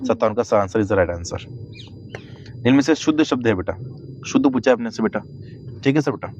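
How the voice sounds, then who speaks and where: A Hindi-accented male teacher walks a class through spelling questions in a steady, mid-pitched voice. He calls the students "beta" over and over and keeps checking in with "thik hai sir". A faint background hum runs under the lesson. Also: normal speed, lo-fi sound.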